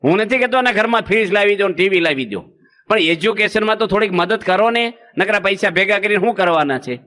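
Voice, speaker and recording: A man's voice: sits high, expressive, fast, pushed and bright. A man, a monk giving a humorous sermon in a folksy style and acting out village anecdotes. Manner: folksy, acts out village anecdotes with quoted voices. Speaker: Swaminarayan monk preacher.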